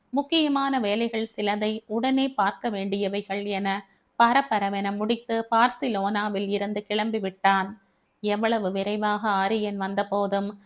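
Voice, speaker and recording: A woman narrating a family novel, reading in a slow, measured way. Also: medium pitch. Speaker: audiobook narrator.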